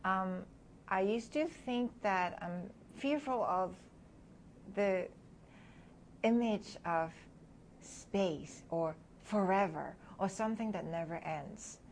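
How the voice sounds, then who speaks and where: A woman in her thirties from Hong Kong, a guest speaking candidly and reflectively in an interview, often laughing softly between thoughts. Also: mid-range voice, slow, slight background noise.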